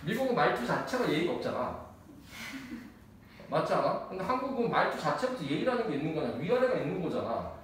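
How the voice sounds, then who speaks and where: A man teaching math drifts into a personal story, told casually in blunt slang with frequent laughter. His voice is a little high and a bit bright, swinging widely in pitch at a fairly quick pace. The mic is distant, the room echoey, and there's noise.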